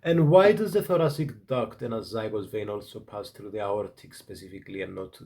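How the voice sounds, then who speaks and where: A man's voice: fairly low pitch, fairly quick, darkish tone, slight background noise. A man hosting a casual study chat. He talks hesitantly, restarts his sentences and teases his partner. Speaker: student and podcast host.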